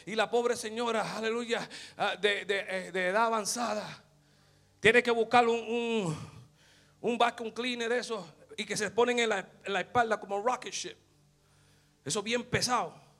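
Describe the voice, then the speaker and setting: Gravelly high-voiced shouting preacher. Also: male voice, fairly even intonation, moderate pace. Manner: shouting with fervor, repeated hallelujahs, swings to hushed storytelling. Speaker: pastor. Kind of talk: sermon.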